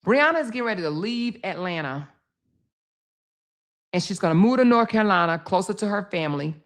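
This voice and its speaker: This woman delivers casual commentary on her own social media channel, cursing freely and bluntly while hammering points with repetition. Her mid-range voice is animated and a little fast.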